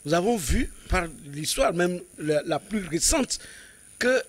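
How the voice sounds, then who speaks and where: A man's voice: high-pitched, lively intonation, a little slow, breathy edge. A man on a studio political panel who jumps in and argues with pointed rhetorical questions. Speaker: debate panelist.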